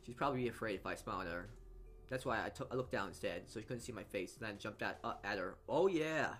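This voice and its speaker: Game music backs a let's player as he voices a visual novel's narration in a lowish, fairly bright tone, fast and with lively intonation. Stumbles and self-corrections come often, mixed with his own side comments.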